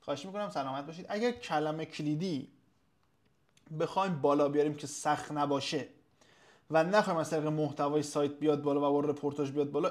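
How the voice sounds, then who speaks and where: Man with a higher voice hosting a live webinar. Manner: casual, thanks viewers by name and reads out their questions; answers off the cuff with frequent hesitations. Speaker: webinar host and SEO consultant.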